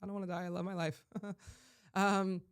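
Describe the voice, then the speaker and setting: A woman life coach giving an emphatic, rambling vlog monologue that surges to loud, heated peaks. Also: lowish voice, flat delivery, moderate pace, smooth. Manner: rambling with frequent restarts.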